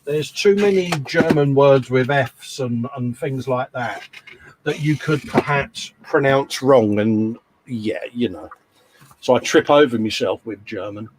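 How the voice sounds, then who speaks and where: A man's voice: mid-range voice, unhurried, a little hiss or hum. A man with an English accent tinged with Scouse, hosting a model-building stream in casual, rambling chat and laughing often. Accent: English with a slight Scouse hint.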